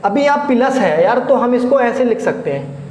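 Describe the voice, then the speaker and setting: A man's voice: very high-pitched, very animated, moderate pace, darkish tone. A male math teacher giving a chatty, coaxing blackboard lesson, quizzing his students as he works. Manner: chatty, coaxing, asks the class questions. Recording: echoey room with faint noise.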